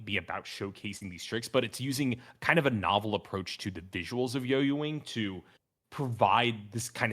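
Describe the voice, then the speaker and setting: A man with a low-leaning yet fairly bright voice hosts a casual review discussion podcast. He talks earnestly and enthusiastically, in a wordy, analytical way.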